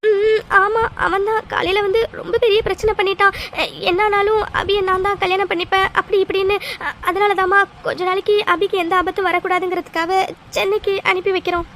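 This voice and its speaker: A woman's voice: very high voice, little pitch movement, fairly quick, fairly bright tone, a little hiss or hum. A woman voicing a hesitant, stammering mother. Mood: anxious. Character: worried middle-aged village mother. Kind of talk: cartoon voice acting.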